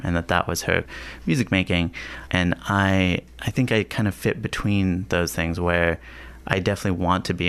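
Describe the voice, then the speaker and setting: Composer guest, male, from D.C.; gravelly yet smooth-toned, hesitant and reflective. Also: low-pitched, a bit bright. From Washington, D.C., USA. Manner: halting, restarts phrases, searching for words. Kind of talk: thoughtful conversational interview.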